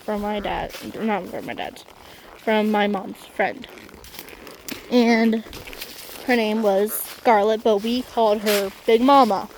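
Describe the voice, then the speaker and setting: A young woman vlogging outdoors while riding a horse, telling an emotional story in a halting way with many restarts. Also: medium pitch, darkish tone, slight background noise, low-quality recording.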